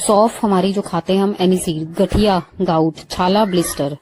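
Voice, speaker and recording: Woman, Indian accent, English teacher, mellow warm tone, steady word-by-word listing. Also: lowish voice, moderate pace, a little hiss or hum. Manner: lists words, glosses each in Hindi then English. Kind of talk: vocabulary lesson.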